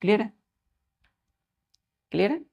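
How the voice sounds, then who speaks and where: A woman teaching English vocabulary to students, spelling each word out letter by letter, repeating meanings and often asking if it is clear. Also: mid-range voice, big pitch swings, measured pace, a little mellow, highs cut off.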